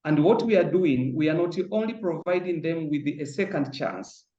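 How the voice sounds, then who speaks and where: A middle-aged man, a school founder speaking in a measured, earnest way with frequent pauses. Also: on the high side. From Tanzania. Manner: measured and earnest, pausing often on fillers. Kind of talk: reflective interview testimony. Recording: roomy, slightly dull with soft music.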